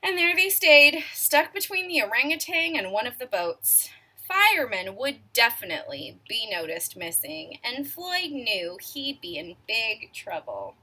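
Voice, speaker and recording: In an unhurried children's read-aloud, a storyteller with a high, bright voice swoops across her whole range. She stops to quiz the kids listening and occasionally sinks to a near whisper for suspense, though the audio quality is poor.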